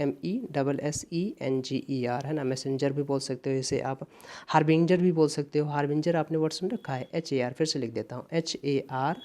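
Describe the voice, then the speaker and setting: A man's voice: a little high, darkish tone. A man teaching an exam-prep lesson, explaining answers, asking and answering his own questions and spelling words out letter by letter. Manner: mixes English terms into explanations in another language. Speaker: English exam tutor.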